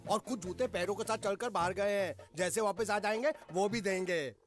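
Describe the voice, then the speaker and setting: An actor playing a pompous, blustering house manager in a film comedy, full of threats. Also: male voice, high voice, moderate pace, faint music behind, natural voice.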